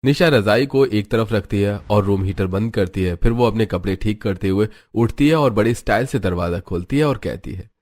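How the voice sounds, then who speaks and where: Man, storybook narrator, scripted, even delivery, low voice. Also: normal speed, hardly any pauses, no echo, studio quality.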